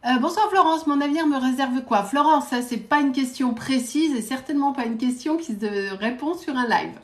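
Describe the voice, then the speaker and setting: Woman psychic doing live readings, kinda high voice, brisk and coaxing, echoey room. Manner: brisk, direct, coaxing, peppered with "hein" and "euh". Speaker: psychic medium. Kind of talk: live-stream readings answering viewer questions.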